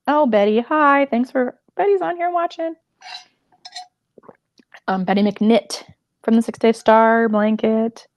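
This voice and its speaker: A woman's voice: a little high, no room sound, studio quality. A woman crochet designer chatting casually on a livestream, rambling and emotional with many fillers.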